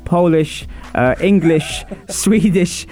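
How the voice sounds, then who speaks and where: A man's voice: high-pitched, steady tone, slow pace, a little mellow. A man hosting a sports talk show, interviewing a guest in a chatty, informal way. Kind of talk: casual radio interview. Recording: music playing behind the voice.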